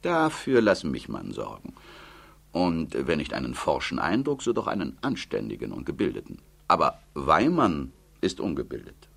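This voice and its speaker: A man's voice: very deep voice, huge pitch swings, normal speed, vocal fry, a bit bright, slightly rough, heavily acted. A man reading the part of a stern, practical young woman, firm and matter-of-fact as she lectures.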